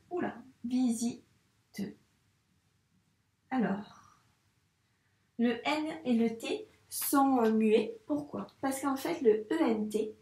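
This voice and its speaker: A woman's voice: on the high side, warm tone, roomy sound, far from the mic. A woman teaching young children to read, speaking patiently and sounding out letters with care. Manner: patient, slow, over-articulated sounds for children. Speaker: primary school teacher. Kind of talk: reading lesson for young children.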